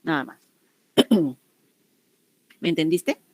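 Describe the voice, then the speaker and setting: A woman's voice: low-pitched, expressive, slow, no echo. Patient woman teaching an English class. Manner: patient, repeats examples and keeps checking understanding. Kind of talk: online class explanation.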